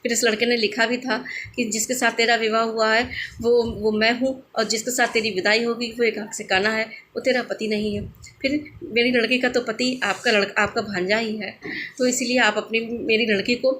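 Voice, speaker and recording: A woman telling a devotional folk tale in a plain, homely way, with pauses and restarts. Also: a little high, level tone, fairly bright tone, a little hiss or hum.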